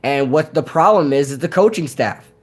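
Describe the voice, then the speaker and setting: A young streamer hosting a live Q&A has a hoarse voice nearly gone from yelling, pitched on the high side, expressive and moderately paced. He reads comments casually, rambling with plenty of fillers and repeated words.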